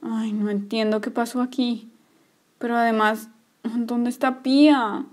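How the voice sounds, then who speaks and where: A woman's voice: on the high side, fairly even intonation, unhurried, close to an everyday voice. A woman voicing Hanna, a fretful young girl searching for her lost rabbit in a toy story play. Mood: worried. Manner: fretful, sighing "ay, no".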